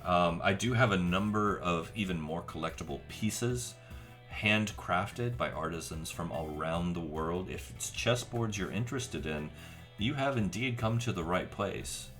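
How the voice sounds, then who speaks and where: A man's voice: low-pitched, fairly bright tone, soft background music. A man doing a suave, courteous collector. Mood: polite, gracious. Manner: smooth, courteous, unhurried. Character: suave, polished middle-aged male collector.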